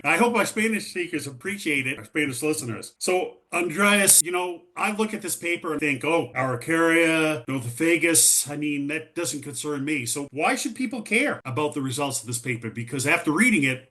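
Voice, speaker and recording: A man hosting a science podcast interview, upbeat and welcoming, slowing down to stress key words. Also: on the high side, animated, bright, forceful tone. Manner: upbeat, welcoming, slows for emphasis. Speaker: podcast host and journal editor.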